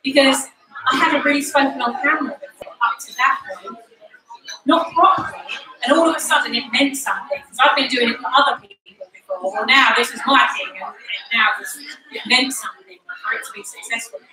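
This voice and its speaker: A woman with a Cockney accent giving a lively, candid motivational talk at an event. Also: sits high, brisk. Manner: lively, candid, swears casually. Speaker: speaker at an event. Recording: echoey room from far off.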